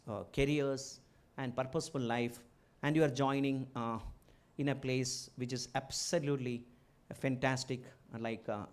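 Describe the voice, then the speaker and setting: A middle-aged man from India with a strong Malayali accent, giving a motivational address to students as a guest speaker, in short emphatic phrases with repeated key words. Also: mid-range voice. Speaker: guest speaker, entrepreneur and former chief executive.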